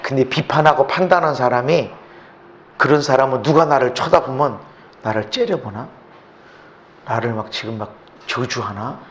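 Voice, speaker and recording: A male pastor preaching a sermon in a church. He acts out the voices he quotes and climbs to shouting at his peaks. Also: mid-range voice, normal speed, pauses often, slight background noise. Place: church sanctuary.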